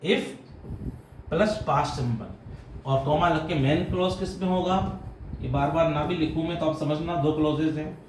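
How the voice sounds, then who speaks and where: A man's voice: on the high side, fairly even intonation, normal speed. A man teaching an English grammar lesson, speaking mainly Hindi with English terms in an Indian accent. He explains step by step and keeps quizzing his students with questions. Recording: echoey room with light background noise.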